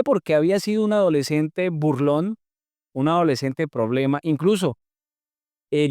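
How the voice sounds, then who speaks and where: A young man tells his conversion story as a podcast guest, in a fairly high, smooth and clear voice. He speaks earnestly and with feeling, stretching out his pauses. The sound is close and dry. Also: a little mellow, dry recording. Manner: earnest, emotional retelling with drawn-out pauses. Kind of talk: personal faith testimony storytelling.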